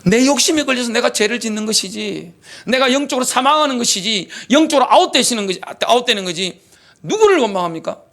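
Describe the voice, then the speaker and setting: Animated, lively-voiced male pastor preaching. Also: very high voice, fast. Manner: animated preaching with rhetorical questions. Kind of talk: sermon. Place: church sanctuary.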